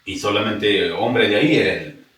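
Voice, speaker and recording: Speaking at a normal pace in an Ecuadorian highland Spanish accent, a man from Ecuador recounts his life story as a podcast guest, animated and casual, acting out remembered conversations. The room is echoey and the mic sits far away.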